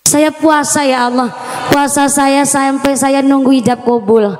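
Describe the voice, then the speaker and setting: A woman's voice: sits high, steady tone, measured pace, darkish tone, echoey room, big-room sound, a little hiss or hum. A woman preacher giving a chatty, humorous sermon outdoors, slipping into phrases as she tells her story. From Cilacap, Central Java, Indonesia. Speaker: female Islamic preacher. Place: outdoor religious gathering in the heat.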